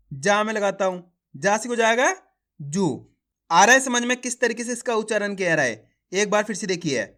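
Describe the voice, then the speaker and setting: A man's voice: high-pitched, fairly bright tone. A man teaching a beginner reading lesson, calling viewers his friends and drilling syllables over and over.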